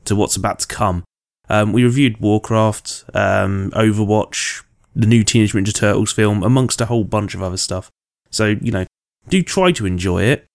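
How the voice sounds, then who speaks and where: A man's voice: fairly low pitch, creaky, dry recording. Male podcast host for casual intros; informal, apologetic, recorded close and dry. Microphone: close studio USB microphone.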